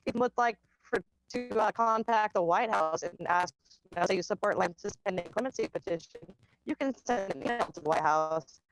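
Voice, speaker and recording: A woman talking casually and earnestly over a video call from outdoors, her voice coming through as robotic, patchy, low-sample-rate audio. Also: normal speed. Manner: plain-spoken, earnest, with fillers like "you know". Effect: glitchy low-sample-rate call audio, robotic and patchy. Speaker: guest activist. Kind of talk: casual chat. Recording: muffled dry video-call line.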